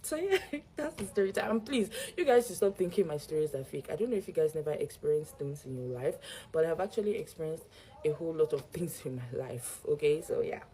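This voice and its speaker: A young woman with a Nigerian accent telling a personal story to camera in a casual, animated way, acting out the exchanges and slipping into Pidgin. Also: low-pitched, fairly quick, poor audio. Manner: animated retelling with quoted exchanges, some Pidgin. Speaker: vlogger.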